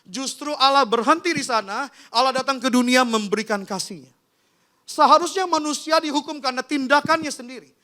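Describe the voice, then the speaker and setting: A male pastor preaching a sermon in church, animated, acting out quotes and sound effects. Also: very high-pitched, a little fast. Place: church hall.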